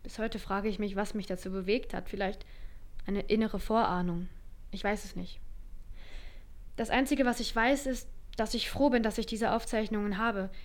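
Woman playing a calm psychologist narrating an audio drama, measured, mid-pitched. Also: natural voice. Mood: reflective. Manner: measured and reflective, defends herself firmly. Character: calm, conscientious female staff psychologist.

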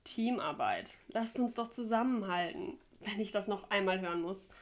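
A woman's voice: mid-range voice, lively intonation, moderate pace, lightly acted. A woman playing a ruthless, ratings-obsessed television producer who is snappy and domineering in an audio drama. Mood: scornful. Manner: snappy and domineering, shouts when angry. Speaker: production manager.

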